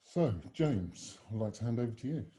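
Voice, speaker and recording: A man's voice: mid-range voice, expressive, moderate pace, warm tone. A man hosting a business webinar, presenting emphatically with vivid metaphors over a video call microphone. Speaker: webinar host and consultant.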